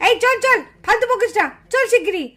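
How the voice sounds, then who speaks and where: A woman doing a shrill, furious village mother. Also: lively intonation, brisk, exaggerated voice. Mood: indignant. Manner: scolding, shouting, complaining loudly. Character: shrill quarrelsome village mother, easily enraged. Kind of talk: doll-show voice acting.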